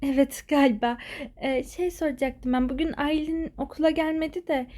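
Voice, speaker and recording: A woman voicing a worried schoolgirl who fears for her friend, speaking anxiously and often in a hushed voice. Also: sits high, steady tone, moderate pace, lightly acted.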